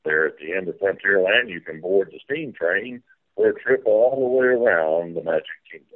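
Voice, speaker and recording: A man's voice: low voice, animated, normal speed, narrow, tinny audio. A man playing a folksy, hearty riverboat captain in a theme park ride spiel, calling to crew and passengers. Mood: folksy, jovial. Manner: folksy, calls orders to crew.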